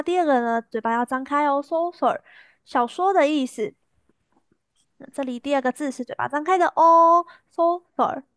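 High-voiced patient woman teacher. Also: no room sound, clean studio sound. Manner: patient, repeats words slowly and clearly. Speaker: language teacher. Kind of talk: online language lesson.

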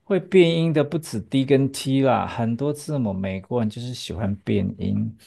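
In a bilingual English pronunciation lesson, a woman explains patiently in Chinese and drills each word with her student, asking rhetorical checks along the way. Her bass voice moves at a moderate pace, warm in tone with some vocal fry.

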